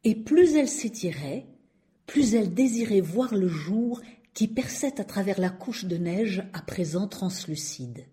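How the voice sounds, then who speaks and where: A woman telling a fairy tale aloud in a gentle, unhurried storybook reading. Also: medium pitch, lively intonation.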